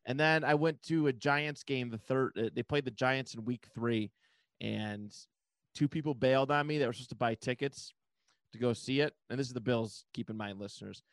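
A man's voice: medium pitch, normal speed, dry recording. A man co-hosting a podcast, chatting casually about football, rambling with lots of fillers and restarts. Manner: rambling, hesitant, many fillers. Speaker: podcast co-host. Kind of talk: casual sports chat.

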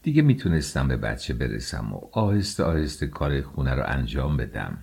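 A man narrating an audiobook in a measured, expressive way. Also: extremely low pitch, vocal fry, breathy edge. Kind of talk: scripted narration.

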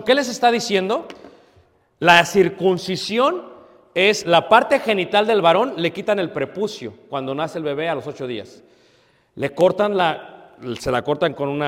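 A man preaching a sermon as a pastor, asking rhetorical questions and swinging between loud emphasis and hushed asides. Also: on the high side. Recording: long hall reverb.

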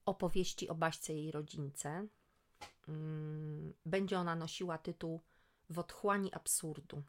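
A woman reading a story aloud in a lively, expressive way as a storyteller. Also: lowish voice.

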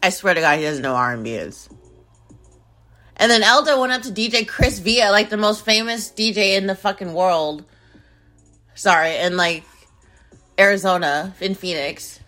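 A woman in her twenties hosting her own podcast in casual, playful chat that swings between loud bursts and low mumbles. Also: moderate pace, long pauses. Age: 20s. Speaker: podcast host. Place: home in Arizona. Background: music beat playing.

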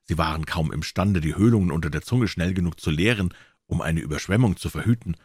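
A man narrating a classic novel with expressive storytelling. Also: deep voice, fairly quick, breathy edge, no echo, clean studio sound. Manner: expressive storytelling, voicing the characters. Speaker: audiobook narrator.

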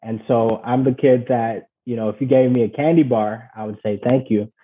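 A man's voice: mid-range voice, steady tone, moderate pace. A man from Ghana, a guest on an interview show, telling his life story in an earnest, reflective way. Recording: tinny phone-like line.

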